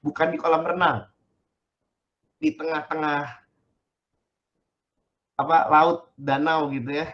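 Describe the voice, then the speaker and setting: A man's voice: a little high, level tone, takes it slowly, pauses often, fairly bright tone, lo-fi sound. A male pastor giving a chatty, joking sermon in casual slang and reading scripture.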